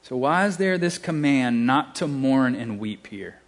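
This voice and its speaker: A man's voice: mid-range voice, animated, measured pace. A man with a Southern US accent preaching a sermon, emphatic, with casual asides and restarts.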